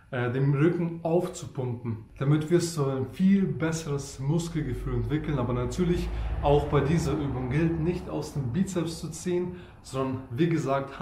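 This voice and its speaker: A man's voice: a little high, mellow, echoey room, a little hiss or hum. A man coaching viewers through back exercises in a home gym tutorial, explaining and repeating the key points. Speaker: fitness coach.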